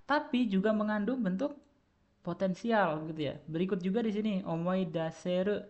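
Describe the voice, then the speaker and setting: A man's voice: high voice, normal speed, darkish tone. Patient man teaching Japanese grammar. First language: Indonesian. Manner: patient, repeats each word, many filler "eh"s. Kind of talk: whiteboard grammar lesson. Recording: dull lo-fi recording.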